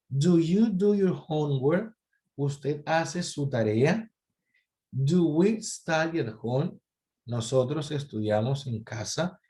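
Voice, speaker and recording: A man's voice: medium pitch, darkish tone. A man teaching an English grammar lesson, explaining patiently and repeating the key points for his students.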